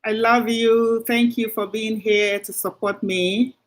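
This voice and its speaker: A woman hosting a live stream, warmly greeting viewers one by one by name. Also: on the high side, steady tone, takes it slowly. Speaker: livestream host. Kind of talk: casual livestream greeting.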